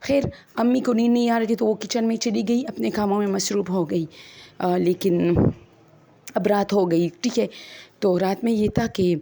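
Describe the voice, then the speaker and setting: A woman's voice: medium pitch, fairly even intonation, vocal fry, warm tone, a little hiss or hum. A woman, chattily retelling a first-person ghost story to her listeners as friends and acting out the quoted dialogue.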